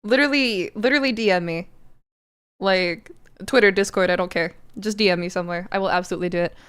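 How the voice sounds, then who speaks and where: A woman's voice: medium pitch, fast, a bit bright, smooth. A bubbly woman chatting casually on a stream over a voice call, laughing a lot and swearing casually. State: sore throat from a loud laugh. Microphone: online voice call.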